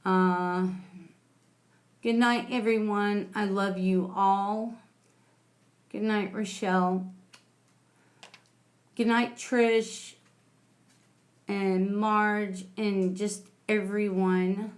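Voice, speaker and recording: Slow, homey woman hosting a livestream. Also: mid-range voice, fairly even intonation. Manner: slow, homey, calls viewers sweetie and honey. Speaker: livestream host reading chat. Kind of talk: casual livestream chat.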